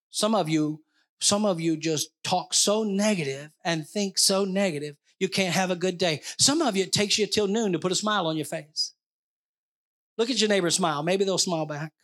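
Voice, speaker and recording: High-voiced man preaching with fervor. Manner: call-and-response questions to the congregation; swells to near-shouted emphasis. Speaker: pastor. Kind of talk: sermon.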